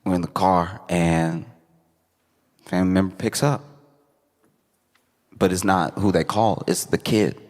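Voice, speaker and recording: A man telling stand-up comedy stories to a live audience in a conversational way, often repeating phrases haltingly for emphasis. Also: sits low, fairly even intonation. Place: live venue on stage. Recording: echoey hall with audience noise.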